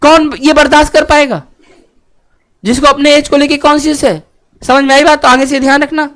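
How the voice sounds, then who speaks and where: A man teaching a class, who keeps asking the students whether they have understood and moves between joking asides and earnest advice. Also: extremely high pitch. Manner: keeps checking students understood with quick questions; joking and lively, then earnest and preachy. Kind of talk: classroom lecture.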